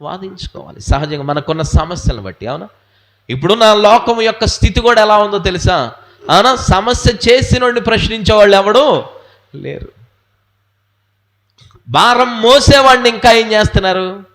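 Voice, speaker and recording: High bright-voiced pastor preaching. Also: male voice, lively intonation, normal speed. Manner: preaching with call-and-response questions to the congregation; rises to emphatic exclamations. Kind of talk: sermon.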